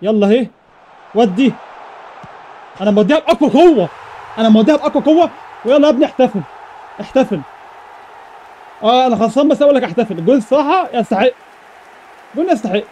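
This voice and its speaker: Young Egyptian gaming YouTuber, male, high and very fast, excitable running commentary with repeated shouts. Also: a little hiss or hum. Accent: Egyptian Arabic. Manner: excitable, repeats exclamations rapidly. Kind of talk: live gameplay commentary.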